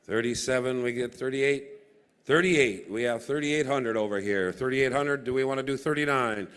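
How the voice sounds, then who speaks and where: A man's voice: medium pitch, moderate pace, fairly bright tone, smooth, long reverb tail. Man calling bids as a live auctioneer. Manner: informal, repetitive bid-calling with self-corrections. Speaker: auctioneer at a charity banquet. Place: live banquet event room.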